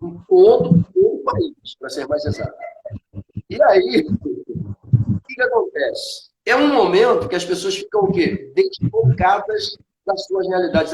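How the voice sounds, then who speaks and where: A man's voice: high-pitched, creaky. A man with a Brazilian accent preaching in a conversation, emphatic, asking rhetorical questions and answering them himself. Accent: Brazilian Portuguese. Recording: echoey room with faint noise.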